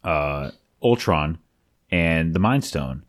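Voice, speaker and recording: Super deep-voiced guy co-hosting, easygoing, keeps chiming in. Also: expressive, slow pace. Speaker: podcast co-host. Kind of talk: casual chat.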